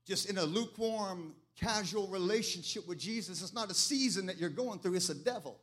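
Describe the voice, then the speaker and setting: Male pastor, high voice, church sermon with chanted fervent peaks. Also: fairly quick. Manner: preaching in rising waves, chanting when fervent. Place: church sanctuary.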